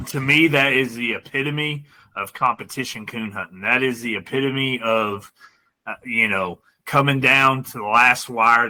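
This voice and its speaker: Guy cohosting a podcast, animated storyteller, super bright sharp voice, normal pitch. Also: poor audio. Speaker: podcast co-host. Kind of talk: casual chat, storytelling.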